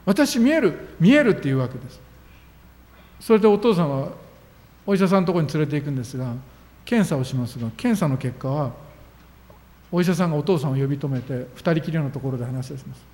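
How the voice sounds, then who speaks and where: A man's voice: quick pace, long pauses, dark tone. Earnest male preacher in a reverberant hall. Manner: earnest, emphatic preaching with sudden rises in pitch. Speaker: pastor. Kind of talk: sermon.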